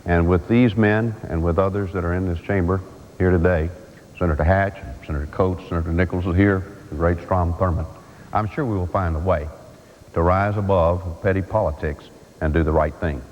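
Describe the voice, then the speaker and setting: A man giving a measured formal speech as a senator in a large chamber, pausing often with fillers, heard from a worn tape copy. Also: low voice, fairly even intonation, a little mellow, big-room sound, lo-fi sound, a little hiss or hum. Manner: measured, halting with frequent fillers. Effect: worn VHS tape copy.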